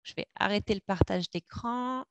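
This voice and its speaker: A woman's voice: medium pitch, moderate pace, vocal fry, clear, resonant tone, dry recording, dull audio. A woman presenting slides on a webinar, hesitant with frequent fillers. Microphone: video call.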